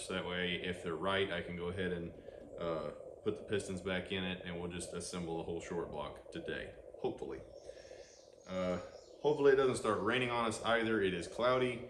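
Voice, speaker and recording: A loud, low male voice with fairly even intonation moves at a fairly quick clip as the host chats through engine work in an outdoor garage. It's a casual workshop vlog captured on the camera mic, with plenty of roomy shop noise.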